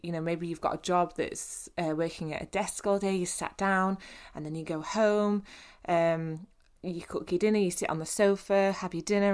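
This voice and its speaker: A woman fitness coach talks through a podcast episode in a casual, encouraging way, with many fillers and restarts. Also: lowish voice. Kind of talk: podcast monologue.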